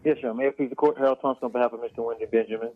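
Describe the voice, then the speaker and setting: A defense attorney phones into court from home, addressing the judge formally and talking fast. His call keeps cutting out and the line sounds thin and tinny, so he has to repeat himself. His voice sits in an ordinary middle pitch for a man. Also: fairly even intonation. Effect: phone call breaking up, hard to hear. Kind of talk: courtroom argument. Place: at home, daughter in background.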